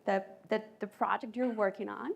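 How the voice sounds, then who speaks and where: A woman from Colombia with a Colombian Spanish accent, giving a lively conference talk to an audience. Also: mid-range voice, moderate pace, creaky. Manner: lively, audience-engaging presenter. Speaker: conference speaker.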